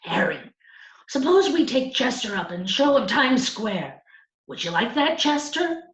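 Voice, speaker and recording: A brash little male city mouse from a storybook, acted out by a woman. He is streetwise and scornful, coaxing with a lively, swinging pitch. The room around the voice echoes. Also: unhurried, far from the mic, highs cut off. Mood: encouraging. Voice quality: squeaky. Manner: scornful, know-it-all, coaxing.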